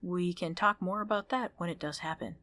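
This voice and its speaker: A woman hosting her own podcast, chatting casually and upbeat through thanks and shout-outs, with ums and restarts. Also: lowish voice, fairly quick, no echo. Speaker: podcast host.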